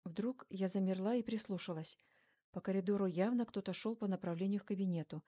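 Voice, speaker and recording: A woman reading first-person narration for an audiobook, measured and even. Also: mid-range voice, highs cut off.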